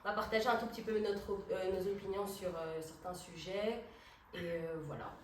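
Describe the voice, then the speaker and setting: A woman's voice: mid-range voice, brisk, a little hiss or hum. Woman in her twenties hosting a chat. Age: 20s. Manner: chatty, mixes in English phrases. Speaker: host. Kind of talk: casual group chat. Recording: roomy sound from a distant mic.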